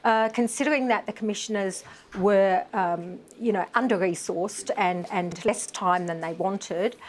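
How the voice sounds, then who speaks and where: A middle-aged woman, a bereaved mother and veterans' advocate, gives a live TV interview in an emphatic, impassioned way with many fillers. Her voice is mid-range and unhurried, with slight background noise.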